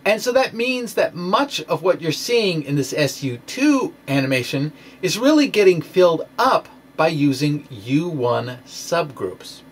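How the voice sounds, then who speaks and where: A science blogger reads his own blog post aloud as an informal explainer, folksy and conversational, with theatrical emphasis. His voice is fairly high and husky, very animated, a little slow, and he barely pauses.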